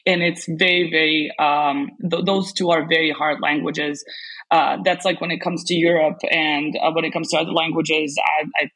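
A Serbian woman who speaks Serbian natively chats as a guest in a casual interview about her work as a language specialist. Her deep, fairly bright voice has a breathy edge, and she talks loosely with lots of fillers and restarts, laughing often. The recording quality is low.

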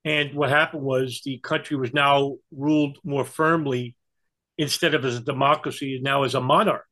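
A man with a New York accent giving conversational political and historical commentary, in a halting way with frequent hesitations. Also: medium pitch, steady tone, pushed and bright. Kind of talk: conversational explanation.

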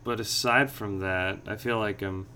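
A man with a lowish voice that has a bright, crisp edge speaks softly and a little slowly in a casual podcast chat. Reflective and relaxed, he circles around his thoughts, with slight background noise present.

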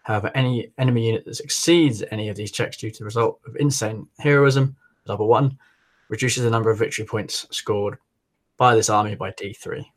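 A man co-hosting a podcast who reads out tabletop rules in a brisk, matter-of-fact way. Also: on the low side. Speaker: podcast co-host. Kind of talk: reading out game rules in casual chat. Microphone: remote call.

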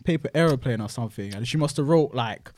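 Young male, London roadman accent, lively intonation, casual slangy storytelling and banter, dry close sound. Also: mid-range voice, fast talker, dry recording.

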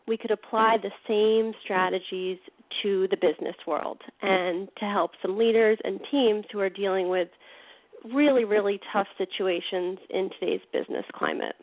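A woman explains her consulting work to a radio host with enthusiasm. Her voice is dry and close, and it sounds thin and tinny, like a phone line. Her pitch sits in an ordinary middle range. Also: steady tone, normal speed, dry recording. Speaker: guest, leadership consultant. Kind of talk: radio interview.

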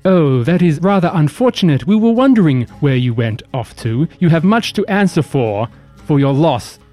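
An imperious dwarf overseer, voiced by a male game master for a tabletop game. He is deliberate, formal and suavely menacing, in a fairly high, mellow voice. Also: lively intonation, natural voice. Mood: stern, accusing. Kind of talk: tabletop role-play. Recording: music behind the voice.

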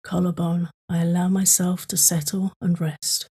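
A woman guides a sleep-focused tapping meditation in a low, mellow voice. Her tone is very breathy and airy, with flat, even delivery. She gives slow, soothing, repetitive prompts.

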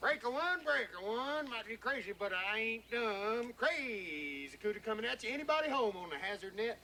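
An actor playing a fast-talking country mechanic calling out over a CB walkie-talkie radio. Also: male voice, high voice, animated, bright, forceful tone, slight background noise, full character voice. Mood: radio hailing.

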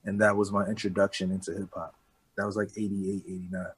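A husky man from the Bronx speaks with a New York accent. His delivery is flat and low, with little rise or fall. He talks loosely and casually, like someone telling a story to a friend. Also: fast, low-quality recording. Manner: loose and street-casual, with frequent "you know what I'm saying". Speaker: guest. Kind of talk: casual interview talk.

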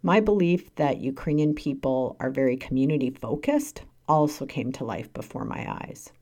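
Canadian woman in her 40s, low mellow voice, earnest measured read. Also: expressive. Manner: earnest, measured reading with emphatic stresses. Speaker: podcast host. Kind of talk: scripted personal monologue.

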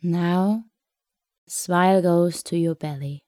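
A woman leads a guided meditation in a soft, soothing voice. Her delivery is very slow, with long pauses between phrases. The tone is dark and mellow, captured in a close, dry sound. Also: on the low side, dry recording.

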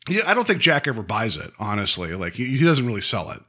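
A man's voice: lowish voice, big pitch swings, fast, bright, forceful tone, husky. A man co-hosting a casual podcast chat, rambling and packing his talk with "like" fillers. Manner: rambling, full of "like" fillers, laughs often. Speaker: podcast co-host.

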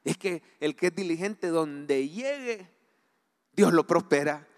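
A Salvadoran pastor with a high voice delivers a sermon, throwing rhetorical questions at his congregation and swinging between loud emphasis and hushed asides. His voice rings out with a long reverb, as if in a large church hall. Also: steady tone, moderate pace. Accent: Salvadoran Spanish.

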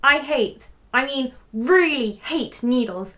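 A woman plays a tough little fairy in an audio drama, nervous about getting a needle. Her high, bright voice swings widely as she bluffs, pleads and balks. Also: lively intonation, slow pace, heavily acted. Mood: nervous, pleading.

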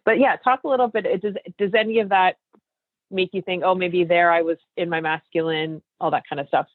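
A woman's voice: lowish voice, steady tone, brisk, no echo. A woman in her fifties hosting an interview chat, talking in an emphatic, coaching way and speaking straight to her listeners. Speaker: podcast host and coach. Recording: tinny phone-like line, dry.

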